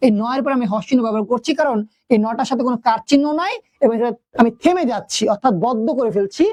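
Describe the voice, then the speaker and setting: A man's voice: very high-pitched, fast talker, darkish tone, dry recording. A man teaching a classroom lesson, who keeps asking his students questions and repeats the key points.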